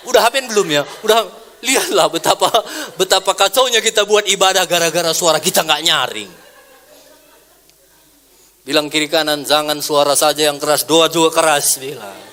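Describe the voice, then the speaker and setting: A male pastor, preaching a sermon in an animated way, dropping to soft asides and rising to loud exclamations. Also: fairly high pitch, normal speed. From Indonesia.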